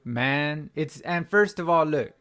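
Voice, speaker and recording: Frustrated young man ranting slowly. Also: a little high, animated, sharp tone. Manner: frustrated, rambling, repeats himself. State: voice cracking. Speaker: sports fan channel host. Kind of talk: post-game reaction rant. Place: at home.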